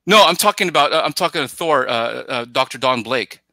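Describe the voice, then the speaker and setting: A middle-aged man guesting on a podcast rambles emphatically through a casual film chat, now and then acting out imagined quotes. He sits in a plain indoor room with a headset on a video call. His medium-pitched voice is animated, a little fast, pushed and bright, with no echo.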